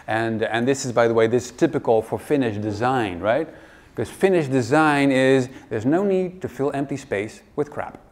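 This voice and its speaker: A man's voice: medium pitch, normal speed, a little hiss or hum. A middle-aged man giving a wry, joking conference keynote in a large hall, speaking into a headset mic. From Netherlands. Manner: wry, joking, lively presenter.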